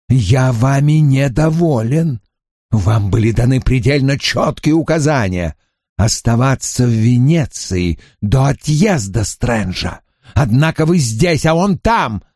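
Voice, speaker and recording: A man voicing a cold, measured, sinister gentleman in an audiobook. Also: medium pitch, no echo, clean studio sound. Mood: menacing.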